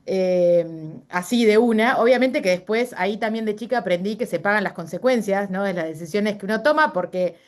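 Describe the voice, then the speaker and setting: Her mid-range voice moves a little fast as she tells personal stories in a relaxed interview. She's a middle-aged woman with a Uruguayan Spanish accent who frequently corrects herself and leans on fillers.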